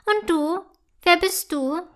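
A tiny young forest elf, eager and chatty, as a woman puts her on. The voice sits high and bright above the storyteller's own, and the words come out slowly and clearly, as in a children's audiobook. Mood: cheerful.

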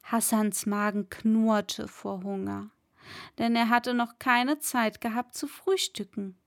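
Slow-reading woman storyteller. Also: on the high side, fairly even intonation, vocal fry. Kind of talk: read-aloud story narration.

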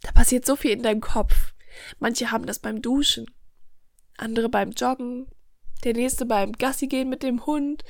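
A woman's voice: on the high side, steady tone, normal speed, vocal fry, no room sound, clean studio sound. A woman hosting a motivational self-help podcast, speaking earnestly and directly to the listener. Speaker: podcast host. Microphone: studio microphone.

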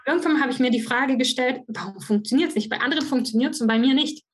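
High-voiced and quick, a young woman tells her personal story on a podcast, frank and emotional throughout the interview. She keeps breaking off and beginning her sentences again.

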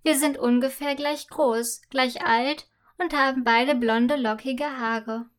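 A woman's voice: high-pitched, steady tone, slow. A woman voicing a young girl princess in a storybook, eager and dreamy.

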